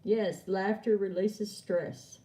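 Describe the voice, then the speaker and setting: A woman's voice: medium pitch, fairly even intonation, slow, mellow. A woman giving an oracle card reading on a live stream, chatting and laughing with viewers she calls by name. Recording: echoey room, far from mic.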